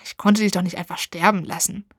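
A woman voicing a clever, brave young boy hero in a fairy-tale reading, eager and quick-witted. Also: lowish voice, steady tone, husky, no room sound, clean studio sound.

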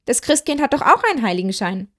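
A woman voicing a cheeky, sulky male Easter bunny who talks in slang and turns shrill when he is upset. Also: animated, fast, a bit bright. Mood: defensive.

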